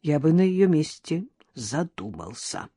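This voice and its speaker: A woman's voice: low voice, sing-song, measured pace, dark tone, slightly rough, no echo, clean studio sound, heavily acted. A woman reading an audiobook and voicing a wry old grandfather neighbor who grumbles his comments.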